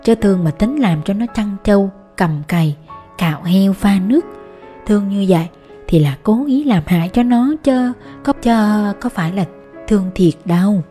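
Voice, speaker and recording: A woman reading the lines of a stern old man who lectures gravely in an audiobook story. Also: mid-range voice, lively intonation, normal speed, warm tone, soft background music, close to an everyday voice.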